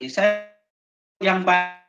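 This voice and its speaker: A woman with an Indonesian accent leading a teacher training session, explaining slowly and haltingly with many fillers. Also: on the low side, little pitch movement, fairly bright tone. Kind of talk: online training lesson. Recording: dull lo-fi audio.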